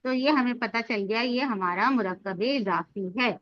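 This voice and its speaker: High-voiced woman teaching grammar. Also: measured pace, dry recording, dull audio. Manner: explains step by step, asking students questions. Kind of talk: online Arabic grammar lesson.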